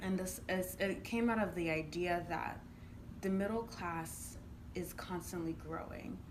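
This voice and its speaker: With a lowish voice and a slightly slow pace, a woman from Uganda who works as an entrepreneur and youth programme coach explains herself earnestly in a conversational interview, often asking "right?". Distinct room noise sits behind her.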